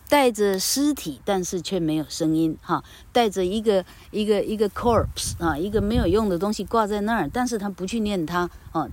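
A woman's voice: on the low side, a little mellow. A woman giving a casual English grammar lesson, chatty and full of tag particles. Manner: chatty, frequent "ha" tag particles, calls herself 老客.

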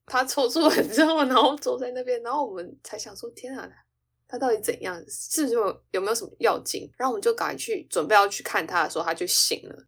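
Husky-voiced woman hosting a chatty podcast. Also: a little high, fast. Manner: expressive storyteller, acts out quoted dialogue, laughs often. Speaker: podcast host. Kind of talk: casual chat.

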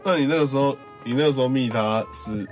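A man's voice: mid-range voice, fast, darkish tone, faint music behind. A man co-hosting a podcast, chiming in with short, wry quips. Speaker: podcast co-host. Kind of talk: casual podcast chat.

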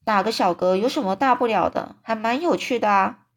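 A woman's voice: mid-range voice, brisk, close to an everyday voice. A woman voicing a polite, curious little girl who asks eager questions.

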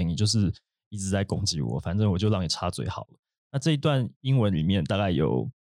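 A man with a somewhat low voice leads an English vocabulary lesson. He explains things at length, with fillers and little asides. His voice is recorded up close with no room sound. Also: darkish tone, no room sound. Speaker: podcast host.

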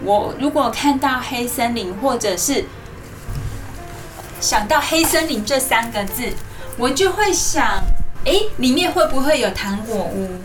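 A woman hosts a children's story programme, reading as if to a toddler, in animated simple phrases with coaxing questions. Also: on the high side, unhurried, far from the mic. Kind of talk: interactive storytelling to young children, asking questions. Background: music.

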